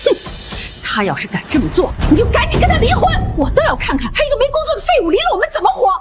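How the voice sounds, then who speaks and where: Brief: shrieking, fast-talking older mother-in-law, bossy and spiteful, pitch swooping wildly. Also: huge pitch swings, music in the background, exaggerated voice. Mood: scolding. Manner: shrill, scolding, domineering. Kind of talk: short drama acting.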